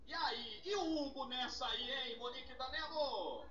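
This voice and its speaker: A Brazilian woman giving excited football play-by-play in short, emphatic phrases. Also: sits high, measured pace, slight background noise. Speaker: football commentator. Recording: muffled, echoey, distant broadcast, faint music.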